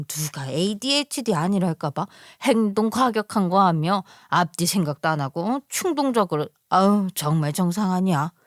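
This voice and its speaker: A woman's voice: mid-range voice, no room sound, clean studio sound, natural voice. A woman voicing a scheming, contemptuous middle-aged mother-in-law in a story radio drama, scolding and belittling. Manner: scolding, belittling, sneering sighs.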